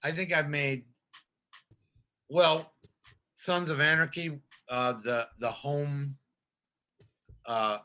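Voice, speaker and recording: An older man talks as a guest on a casual podcast, his voice bright and forceful. He rambles and stumbles through his stories, restarting sentences and circling back on himself. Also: fairly high pitch, fairly even intonation. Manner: rambling, halting storyteller with many restarts. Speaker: guest actor.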